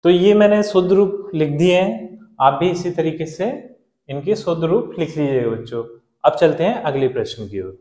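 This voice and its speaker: A male teacher patiently explaining a lesson to children, repeating key words and spelling them out slowly. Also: fairly high pitch, expressive, warm tone, roomy sound.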